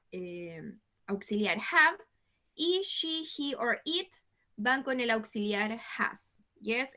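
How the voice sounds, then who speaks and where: A woman's voice: fairly high pitch, sharp tone. A woman teaching an English class. She explains patiently and repeats herself, checking in with a questioning "yes?" after nearly every phrase.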